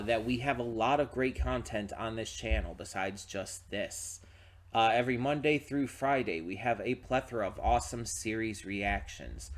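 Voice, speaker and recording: A man hosting a reaction channel, talking casually and rambling with frequent restarts while tired and yawning. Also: lowish voice. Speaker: channel host. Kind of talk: casual pre-reaction talk to camera.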